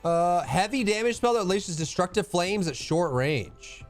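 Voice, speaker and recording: A man's voice: sits high, animated, normal speed, soft background music. Playful man joking over a game. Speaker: gaming channel host. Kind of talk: casual let's-play commentary.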